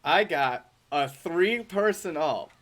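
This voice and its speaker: A man chatting while gaming, explaining his plays and making excitable callouts. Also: on the high side. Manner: quick play calls, excitable. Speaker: gamer. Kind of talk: casual chat while gaming.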